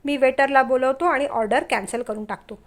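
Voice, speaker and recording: A prickly young bank clerk, as a woman storyteller puts him on, talks in a stiff, lecturing way and gets irritated fast. The voice stays high, the same light storybook voice as the narration. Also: natural voice. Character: young man, bank clerk, touchy suitor.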